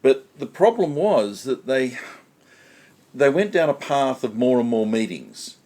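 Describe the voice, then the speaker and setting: A man's voice: medium pitch, very animated, measured pace, dark tone. Man explaining networking history on a panel. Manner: explains step by step, stressing key points by repeating them. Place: conference panel.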